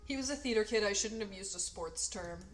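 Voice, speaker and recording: A woman's voice: mid-range voice, a little fast, faint music behind. Sarcastic young woman reading her fanfic. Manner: sarcastic, self-mocking asides. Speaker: streamer. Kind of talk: reading her old fanfic aloud with commentary.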